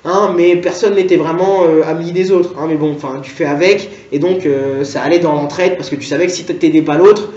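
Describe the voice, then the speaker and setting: A man's voice: a little high, steady tone, a little fast, few pauses, a little mellow, far from the mic. Rambling man in an echoey room. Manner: rambling, lots of fillers and restarts. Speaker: comedian. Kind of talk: casual talk to camera. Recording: roomy, dull lo-fi sound.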